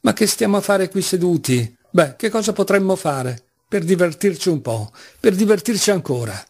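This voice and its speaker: A man voicing an impulsive young man who shouts toasts at a boisterous party. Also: sits high, lively intonation, normal speed, husky, voice pushed up, full character voice. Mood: excited.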